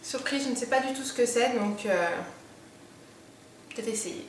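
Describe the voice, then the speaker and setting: A woman talking casually while she unboxes beauty products for her viewers, chatty and thinking aloud with many small pauses. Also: a little high, far from the mic, slight background noise. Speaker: beauty vlogger. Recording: very echoey room, voice set back from the mic.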